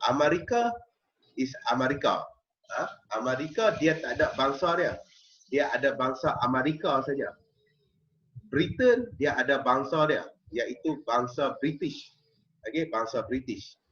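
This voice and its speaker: Teacher lecturing a class. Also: male voice, medium pitch, animated, measured pace, a bit bright, highs cut off. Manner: explanatory, checks in with frequent "okey?" and "ha?". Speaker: history teacher.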